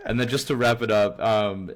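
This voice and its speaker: Rambling young man, low-ish voice. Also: fairly even intonation, normal speed, a little hiss or hum. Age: young adult. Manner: rambling, heavy on filler words and self-corrections. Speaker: podcast co-host. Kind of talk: casual storytelling chat.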